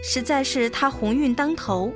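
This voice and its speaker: Gentle woman reading a children's story. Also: sits high. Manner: gentle, clear, measured for children. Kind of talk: scripted storybook narration. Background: faint music.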